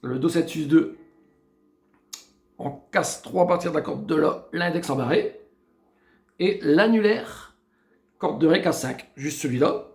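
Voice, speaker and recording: A man teaching guitar, explaining chords step by step and counting beats as he plays. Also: fairly high pitch. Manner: slow step-by-step explaining, counting beats and singing snatches while playing. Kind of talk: guitar tutorial. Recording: echoey room with loud guitar.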